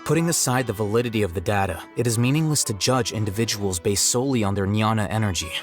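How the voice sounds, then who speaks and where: A man plays a composed scholar investigator in a game, with a low voice. He speaks in precise, detached, measured phrases, with soft music behind him. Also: natural voice. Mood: analytical. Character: calm, coolly logical male scholar investigator.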